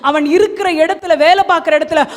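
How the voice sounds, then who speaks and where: High-voiced woman preaching in a reverberant hall. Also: fairly even intonation, quick pace. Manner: fervent, pleading, swings between loud exclamations and soft hushed passages. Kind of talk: sermon.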